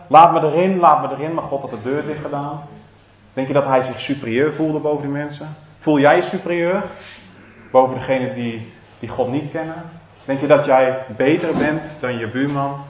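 A man's voice: medium pitch, darkish tone, a little hiss or hum. A man preaching a sermon, often asking his listeners direct questions and restarting his sentences. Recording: roomy, slightly dull recording.

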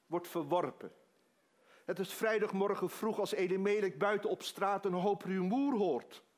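A man preaching a sermon, retelling a story dramatically with quoted dialogue. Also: sits high.

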